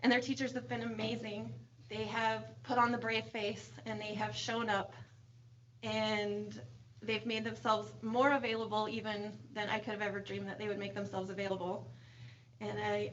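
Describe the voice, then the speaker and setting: A woman's voice: mid-range voice, muffled recording, a little hiss or hum. A woman school board member giving heartfelt, earnest thanks at a board meeting, close to tears. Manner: heartfelt, earnest, repeating "I know". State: emotional, near tears. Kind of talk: public remarks at a board meeting.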